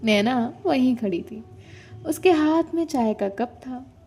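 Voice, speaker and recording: A woman narrating an audio love story with steady, expressive storytelling. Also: high voice, slow pace, slightly rough. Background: faint music.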